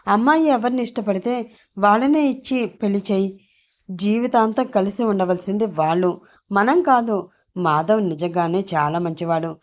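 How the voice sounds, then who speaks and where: A woman voicing a calm old grandfather giving gentle advice, in a storybook reading. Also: mid-range voice, moderate pace, natural voice.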